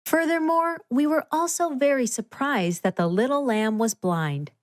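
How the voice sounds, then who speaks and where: Expressively and a little slowly, a woman with a fairly high voice reads a children's storybook aloud from a script. The audio is dry, with no room sound.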